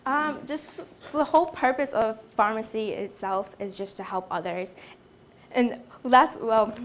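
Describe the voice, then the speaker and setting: A woman's voice: a little high, unhurried. A young woman answering questions from her class after a presentation, casual in her replies. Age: young adult. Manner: casual, laughs softly between answers. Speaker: student presenter.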